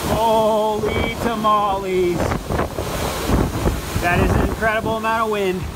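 A man's voice: sits high, flat delivery, measured pace, heavy background noise. A young man from Iowa vlogging on his farm, talking chattily to a handheld camera as he explains things. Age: young adult. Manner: chatty, upbeat, explains as he goes. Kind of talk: casual vlog narration. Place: farm sheds, house and basement. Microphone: handheld selfie camera.

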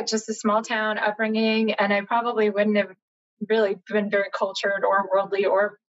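A middle-aged American woman speaks from a room at home over a slightly dull, lo-fi video call. She tells stories in a chatty, animated way, full of little fillers, with a voice of ordinary pitch for a woman. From United States, Boston area. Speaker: journalist guest. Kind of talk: casual interview conversation.

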